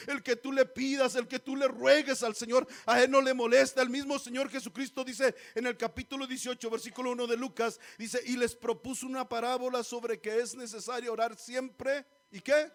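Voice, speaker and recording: A man preaching a sermon in church, exhorting the congregation, often calling them brothers and asking them rhetorical questions. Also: very high-pitched. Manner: exhorting, often calls listeners "hermanos", asks rhetorical questions.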